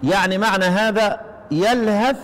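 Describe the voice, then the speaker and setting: A man with an Egyptian accent teaching the readings of a recitation poem. He keeps quizzing his listeners with repeated questions and chants the verses slowly. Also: high-pitched, fairly bright tone, long reverb tail. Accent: Egyptian Arabic. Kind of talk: explaining a recitation poem to students.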